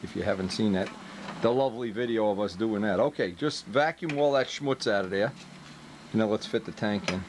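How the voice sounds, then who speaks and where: A man's voice: lowish voice, brisk. Teasing workshop man, slightly noisy recording. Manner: teasing, joking banter while instructing. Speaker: host, model plane builder directing helpers. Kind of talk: casual hands-on workshop commentary.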